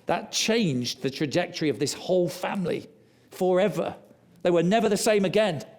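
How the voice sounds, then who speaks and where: A man delivers a sermon with passionate storytelling. His voice sits fairly high for a man and climbs even louder on key lines. He drops low and quiet when he confesses. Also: normal speed. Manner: impassioned storytelling, rising loud on key lines. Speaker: preacher.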